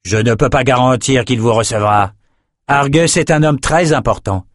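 A man's voice: medium pitch, moderate pace, no echo, studio quality, pitched above the performer's own voice, natural voice. A man voicing an arrogant, sly male messenger who speaks in a smug, haughty way.

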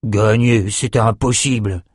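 A man's voice: mid-range voice, fairly even intonation, a little fast, darkish tone, no echo, clean studio sound, lightly acted. A man voicing a gloomy, grumbling young male nobleman in an audiobook.

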